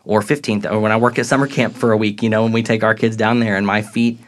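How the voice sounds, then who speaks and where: Earnest young man with a lowish voice. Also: fast. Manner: earnest, reflective, grows excited retelling moments. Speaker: podcast guest. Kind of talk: faith testimony in casual conversation.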